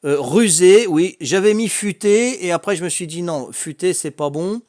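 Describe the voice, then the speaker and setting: A chatty man with a Corsican French accent runs a casual family quiz, laughing often as he goes through everyone's answers. His voice sits a little high for a man. The sound is dry and close, with almost no room echo. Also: expressive, moderate pace, darkish tone. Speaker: quiz host.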